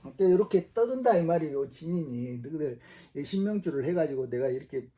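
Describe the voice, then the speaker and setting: A middle-aged man gives a religious sermon. His voice sits on the higher side but sounds very dark and mellow. He hammers his points home through repetition and frequent rhetorical questions. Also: animated, fast. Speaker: preacher.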